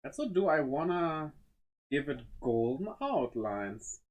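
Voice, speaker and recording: A streamer giving casual think-aloud commentary while drawing, muttering to themself and weighing small choices out loud. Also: mid-range voice, very animated, slow pace, rough recording. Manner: greets viewers playfully.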